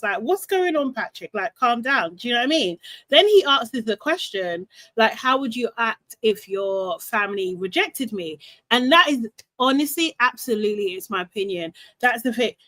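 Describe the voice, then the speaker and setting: A woman in a casual recap chat, animated and exasperated, breaking into laughs. Her voice sits fairly high and sounds dry and close, with no room around it. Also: no room sound.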